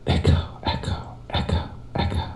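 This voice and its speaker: A woman's voice: a little slow, noisy background. A woman on a voice call testing her microphone, her voice coming back through a heavy echo effect like a cave. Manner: testing her audio, repeating words. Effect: heavy echo effect on the mic, like a cave. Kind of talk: casual mic check on a voice call.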